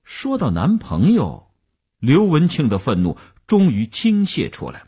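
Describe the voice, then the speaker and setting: A man narrating a novel in an expressive, dramatic reading. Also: medium pitch, unhurried, husky. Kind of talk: storytelling reading.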